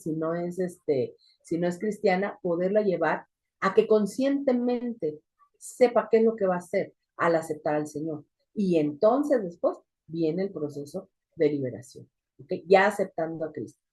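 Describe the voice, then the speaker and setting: Woman teaching church ladies, mellow low-toned voice, storytelling, gets loud and emphatic. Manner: storytelling with sudden emphatic rises. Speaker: church women's group teacher. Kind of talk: testimony teaching.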